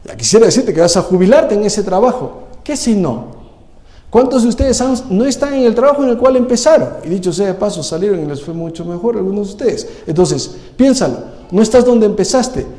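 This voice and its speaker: A man delivers a lively church sermon, pressing the congregation with question after question. His voice sits high but sounds mellow and dark in tone. Long church-hall reverb trails behind every phrase. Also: fairly quick. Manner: animated preaching, rhetorical questions to the congregation. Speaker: pastor. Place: church service.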